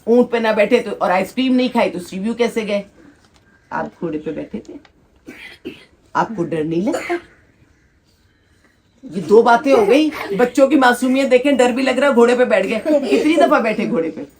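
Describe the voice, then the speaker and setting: The host of a children's shelter event, a woman with a fairly high, slightly mellow voice, speaks animatedly at a normal speed and pauses often. Before the gathering she chats with the kids, teasing and coaxing them and leading rounds of applause.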